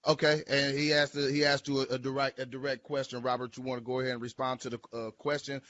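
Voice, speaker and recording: A man moderating an online debate, calm and procedural. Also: medium pitch, quick pace. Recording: dull lo-fi audio with faint hiss.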